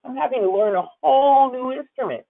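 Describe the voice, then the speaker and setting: This woman's voice sits high and moves briskly as she coaches a singer in a masterclass. She's a voice teacher in her fifties, effusive and rambling on a tinny video call, addressing her student as honey.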